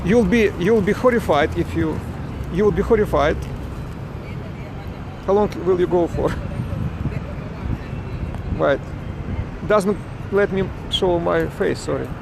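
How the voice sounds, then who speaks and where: With long pauses and a creaky, high-pitched voice, a man takes his time talking to viewers during a phone livestream of a protest. He's a Ukrainian parent on a city street, speaking broken English and often restarting, while traffic makes the outdoor recording noisy.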